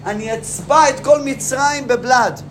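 A man's voice: very high voice, slight background noise, pitched above the performer's own voice. A man voicing Judah, a proud, indignant brother who pleads earnestly and insistently.

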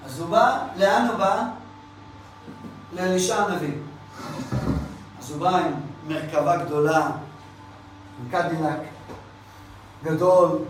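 A man telling a story in a lively way, acting out the dialogue and mixing in English words. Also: high voice, background noise. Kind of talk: animated oral storytelling. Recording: echoey room, speaker far from mic, faint ambience.

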